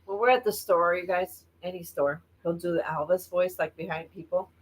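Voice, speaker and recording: A woman's voice: on the low side, fairly even intonation, moderate pace, slightly rough, rough recording. A woman from Indiana co-hosting a live stream, chatting casually, laughing often and reading viewer comments aloud. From Indiana, United States.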